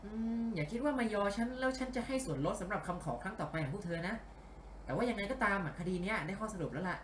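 A man reading the lines of a calm woman detective club president, explaining her reasoning step by step while playing a game. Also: high-pitched, quick pace, echoey room, slight background noise, voice pushed up. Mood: matter-of-fact. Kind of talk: dubbing game dialogue aloud while playing.

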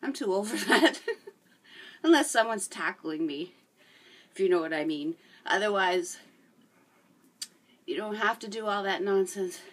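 A woman's voice: mid-range voice, expressive, a little slow, long pauses, fairly bright tone. A middle-aged woman demonstrating a home workout, chatty and encouraging and out of breath. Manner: chatty, encouraging, laughs while exercising. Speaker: fitness vlogger. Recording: voice from a distance.

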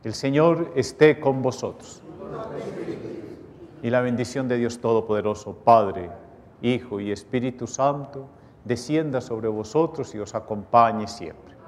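Priest praying at the altar. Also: male voice, a little slow, a little mellow. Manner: earnest, pleading appeals. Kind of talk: closing prayers and blessing at Mass. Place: small chapel studio at an altar. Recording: chapel reverb with faint rumble.

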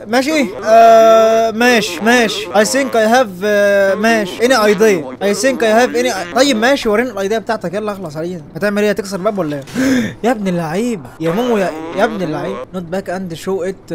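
A man's voice: sits high, quick pace, a crowd in the background. A man with an Egyptian Arabic accent hosting a let's-play, joking and teasing his co-player as he plays. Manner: joking, teasing, laughs often. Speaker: gaming channel host. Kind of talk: casual let's-play commentary.

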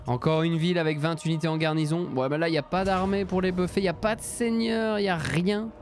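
A man's voice: fairly high pitch, steady tone, fairly quick. Chatty streamer man. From Belgium. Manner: chatty, thinking aloud, thanking viewers. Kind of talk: casual live game commentary.

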